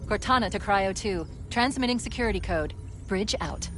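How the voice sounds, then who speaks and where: A woman playing a cool, witty shipboard artificial intelligence in a video game, crisp and knowing. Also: mid-range voice, animated, normal speed, background noise, close to an everyday voice. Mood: brisk. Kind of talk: video game cinematic dialogue.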